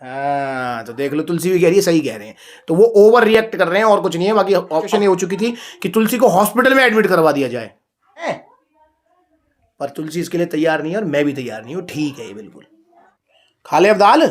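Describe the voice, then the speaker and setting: This vlogging dad has a high voice with lively intonation and a brisk pace. Filming a casual family vlog indoors at home in front of a heater, he teases and plays around as he talks to viewers.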